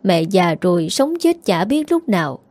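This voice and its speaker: A woman's voice: lowish voice, very animated, moderate pace, a little mellow, no echo. Brief: woman reading as an abandoned older wife, choked and pleading, dry close sound. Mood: pleading grief. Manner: choked, imploring.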